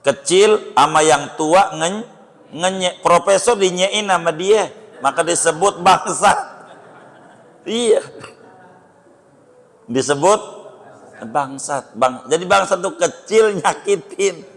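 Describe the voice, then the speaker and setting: Slow folksy Betawi kiai in a mosque. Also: male voice, high voice, vocal fry, a bit bright, big-room sound. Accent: Betawi Indonesian. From Indonesia. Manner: slow, folksy, rhetorical questions. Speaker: kiai teaching fiqh. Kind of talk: mosque religious study lesson. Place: mosque hall.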